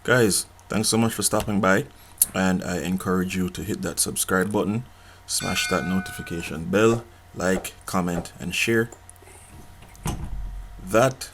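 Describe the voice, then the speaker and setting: A man with a somewhat low voice hosts an informal review of a money-making app. He speaks casually, circles back to the same points, and keeps asking the viewer "okay?" as he goes. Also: a bit bright, slight background noise. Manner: pitchy, repeats himself, asks "okay?" often. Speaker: online money-making channel host.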